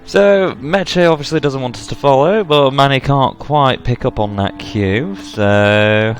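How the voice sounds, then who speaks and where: A man's voice: medium pitch, unhurried, faint music behind. A man hosting a let's play with casual game commentary and wry asides.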